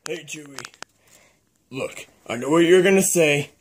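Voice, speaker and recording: A performer voicing a playful kid in a helmet costume who loves doing character voices, with a husky, dramatic delivery. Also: medium pitch, a little slow. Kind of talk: fan cartoon voice acting.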